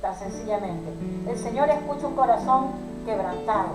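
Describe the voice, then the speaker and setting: A woman's voice: on the high side, animated, moderate pace, reverberant, music in the background, low-quality recording. Woman preaching a pleading sermon. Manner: pleading, emotional preaching addressed to sisters.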